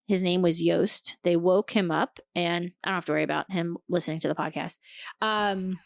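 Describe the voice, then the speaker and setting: Animated woman telling a story, dry sound. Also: on the low side, normal speed, gravelly, no room sound. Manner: animated, swears freely, acts out quoted lines. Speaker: podcast co-host. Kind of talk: casual storytelling chat.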